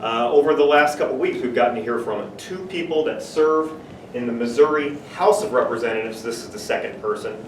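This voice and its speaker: A man's voice: mid-range voice, fairly quick. Man informally hosting in an echoey room. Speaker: teacher introducing a guest speaker. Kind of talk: informal introduction and questions. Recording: roomy echo, distant mic, clear background noise.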